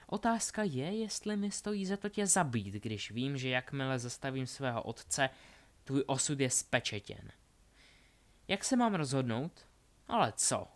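A man's voice: mid-range voice, big pitch swings. A man voicing a cold, scheming young witch who taunts and mocks her enemy, read aloud as a storybook character. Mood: mocking. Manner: taunting, ironic.

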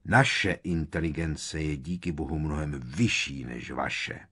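A man's voice: extremely low pitch, fairly bright tone, breathy edge, pitched below the performer's own voice, heavily acted. A man voicing a proud, stern male centaur who speaks harshly and with scorn.

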